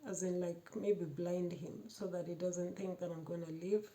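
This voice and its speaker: A woman giving a personal testimony, telling her story in a lively way, laughing often and acting out the quoted dialogue. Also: fairly low pitch, moderate pace. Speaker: testimony speaker.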